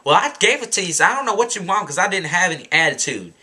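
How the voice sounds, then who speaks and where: A young man doing a brash high-voiced teen girl. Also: level tone, normal speed. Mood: sassy. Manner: loud, brash and mouthy. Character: sassy defiant teenage girl on a bus.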